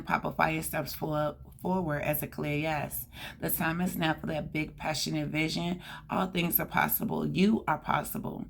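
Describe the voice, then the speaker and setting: A woman with a hoarse, scratchy voice giving a tarot card reading, reading out card meanings and chatting casually to her viewers. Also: low-pitched. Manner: reads card meanings aloud with chatty asides. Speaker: tarot reader.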